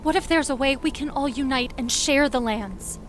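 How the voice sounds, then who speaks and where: Woman playing a high-voiced, pleading fantasy heroine. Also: moderate pace, slight background noise, natural voice. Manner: shaky, urgent pleading. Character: pleading, panic-stricken young foreign woman. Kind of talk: dark fantasy audio drama acting.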